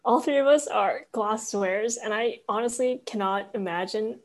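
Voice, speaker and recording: A woman's voice: a little high, moderate pace. A young woman co-hosting a casual chat, with playful, teasing reactions. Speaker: podcast co-host.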